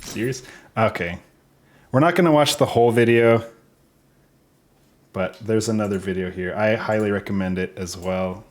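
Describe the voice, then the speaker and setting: Low-voiced man rambling through game commentary. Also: moderate pace, long pauses. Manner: rambling, unsure, thinking aloud. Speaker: game developer giving commentary. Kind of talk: casual developer commentary over gameplay.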